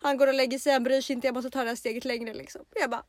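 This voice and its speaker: Animated young woman telling a story. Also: high voice, no echo, studio quality. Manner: dramatic storytelling, acts out quotes loudly. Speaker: podcast co-host. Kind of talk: casual chat.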